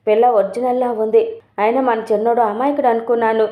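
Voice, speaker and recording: A nosy older father grumbles his sarcastic remarks, read out by a woman. The voice is fairly high, with a tinny, echoey sound. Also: steady tone, fast talker, close to an everyday voice. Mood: grumbling. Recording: tinny, roomy phone-like recording.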